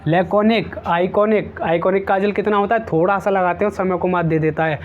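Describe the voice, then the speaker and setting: A man's voice: high-pitched, fairly even intonation, fairly quick, slight background noise. Man drilling vocabulary, lo-fi sound. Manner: repeats each word several times, playful memory tricks. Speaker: teacher. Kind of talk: exam-prep vocabulary lesson.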